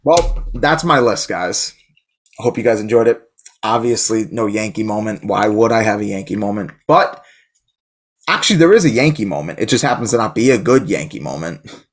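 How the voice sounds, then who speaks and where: A man co-hosting a podcast in casual chat, talking excitably and rambling with frequent restarts. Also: fairly low pitch, normal speed. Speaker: podcast co-host.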